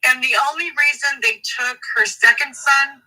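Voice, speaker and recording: A woman advocate in an interview, speaking emphatically and indignantly, slowing down to stress key words. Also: high voice, fairly even intonation, pushed and bright, far from the mic, rough recording. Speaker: advocate for a family in a custody case. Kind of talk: interview guest, reading court documents.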